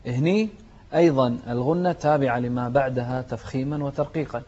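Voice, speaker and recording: Man, tajweed teacher, slow melodic recitation, quick explanations, mellow voice, slightly dull recording. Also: mid-range voice.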